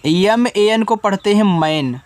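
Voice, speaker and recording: A man teaching beginners English spelling, reading out words letter by letter, slowly and patiently. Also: high-pitched, lively intonation. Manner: patient, coaxing teacher talk.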